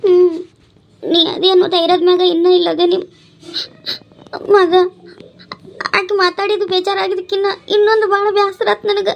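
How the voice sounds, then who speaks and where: A woman's voice: very high-pitched, little pitch movement, moderate pace, creaky, pauses often. A woman voicing a tearful, hurt young wife in a cartoon, with a North Karnataka accent. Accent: North Karnataka Kannada. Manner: tearful, sulky. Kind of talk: cartoon voice acting.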